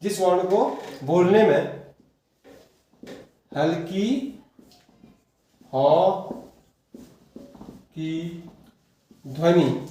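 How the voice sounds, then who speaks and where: A man's voice: high voice, extremely slow, long pauses, mellow. Man, teacher, classroom grammar lesson, quizzing tone, distant mic, heavy room echo. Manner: quizzes listeners, drawing words out syllable by syllable. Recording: very echoey room, mic far off.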